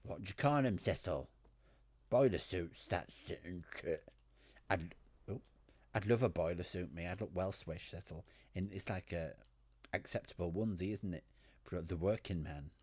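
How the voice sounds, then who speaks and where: A man's voice: low-pitched, moderate pace, a little mellow. A man chats over a video game. His commentary is casual and jokey, like banter with a friend. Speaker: gamer commentating on a playthrough.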